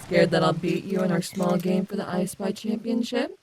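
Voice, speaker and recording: A woman with a fairly low, slightly mellow voice performs a lightly acted ASMR audio roleplay at normal speed, playing a confident, playful animatronic wolf who is cocky and teasing yet tender, in a companionable way. There's a little hiss or hum in the background.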